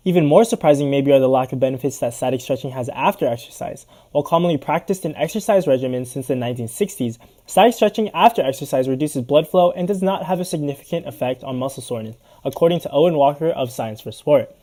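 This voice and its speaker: A man narrates research from a script in a formal manner. The tone is dark and mellow, a bit high, and the delivery is quick. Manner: formal, reading study findings. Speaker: explainer narrator.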